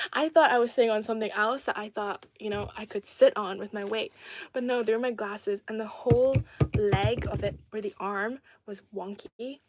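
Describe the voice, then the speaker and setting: Against a noisy background, a young woman from Ireland chats and giggles through viewer comments on a relaxed livestream, indoors at home in Adelaide. Her mid-range voice keeps fairly even intonation and a normal pace.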